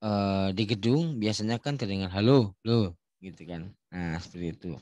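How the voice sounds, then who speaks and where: A man teaching a science lesson in a relaxed, chatty way. He sometimes shouts out sample sounds to demonstrate. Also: deep voice, a little fast, dry recording. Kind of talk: casual classroom explanation.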